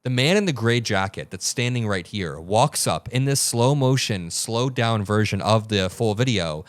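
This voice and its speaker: A man's voice: on the low side, expressive, moderate pace, no echo. A young man hosting an online news commentary show, talking in a heated, emphatic and blunt way as he breaks down video. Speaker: political commentary host.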